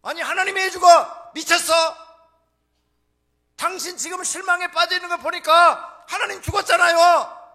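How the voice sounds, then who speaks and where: A shrill, indignant wife scolds her husband in a quick, high voice, sharp-edged and insistent, as a male preacher puts her on mid-sermon. The tone is bright and cutting. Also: expressive, exaggerated voice. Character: shocked scolding wife, middle-aged woman.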